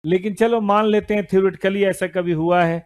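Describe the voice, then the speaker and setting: A middle-aged man teaching an accounting lesson to a classroom of students, lively and scolding now and then. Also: sits high, moderate pace, clear, resonant tone. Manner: lively, scolding students, mixes Hindi and English terms. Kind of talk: classroom lecture.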